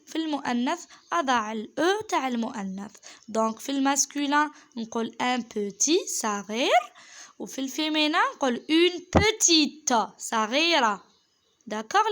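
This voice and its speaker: A woman's voice: high-pitched, fairly bright tone. A woman teaching children French, patient and repeating each point, switching between French and Arabic. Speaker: primary school French teacher. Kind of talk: children's French lesson explained in Algerian Arabic.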